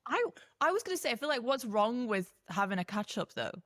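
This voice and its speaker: A woman's voice: a little high, sing-song, fairly quick, a little hiss or hum. A young woman co-hosting a podcast in casual chat, thoughtful and playing devil's advocate. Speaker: podcast co-host.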